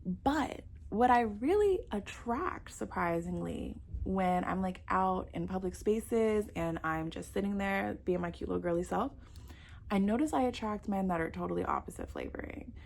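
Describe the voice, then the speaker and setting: A woman's voice: medium pitch, big pitch swings, moderate pace, vocal fry, darkish tone, a little hiss or hum. A millennial woman from South Florida giving chatty, sassy dating advice straight to her viewers, calling them girl and babe. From South Florida, United States. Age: millennial, 30s. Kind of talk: casual direct-to-camera advice.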